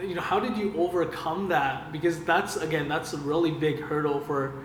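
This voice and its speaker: Higher-voiced man hosting a podcast. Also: steady tone, normal speed, slight background noise. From Canada. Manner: friendly, fills with frequent "yeah" and "right". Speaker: podcast host and realtor. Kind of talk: casual interview.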